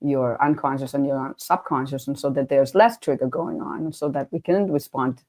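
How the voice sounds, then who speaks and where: A woman's voice: extremely low pitch, fairly even intonation, moderate pace, warm tone. A woman with a German accent hosting a casual interview, chatty and often restarting her sentences. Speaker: podcast host and coach.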